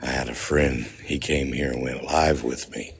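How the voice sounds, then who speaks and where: A man's voice: rumbling low, steady tone, normal speed, creaky, a little hiss or hum. A man telling a story outdoors in a cemetery at night, joking, swearing and laughing often as he talks to his livestream audience. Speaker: paranormal vlogger.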